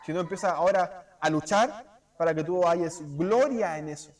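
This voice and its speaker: High-voiced Chilean man preaching. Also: distant mic. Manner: animated, asks rhetorical "cierto?", acts out quick voices. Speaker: preacher teaching a Bible class. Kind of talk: informal sermon. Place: church.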